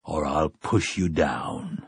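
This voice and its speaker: A man voicing a stern, grim middle-aged gunslinger who speaks in a slow, clipped, commanding way. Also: rumbling low, breathy edge, dry recording, studio quality, pitched below the performer's own voice, heavily acted. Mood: threatening.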